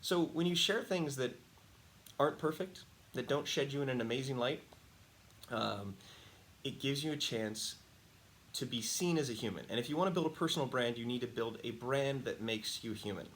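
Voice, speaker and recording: A man speaks straight to the camera in an easygoing monologue, with a voice of ordinary, middling pitch. He tells his stories in a lively, animated way and breaks into laughs often. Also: moderate pace, a little hiss or hum. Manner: animated, chatty storytelling with frequent laughs. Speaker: host. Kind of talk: casual talking-to-camera monologue.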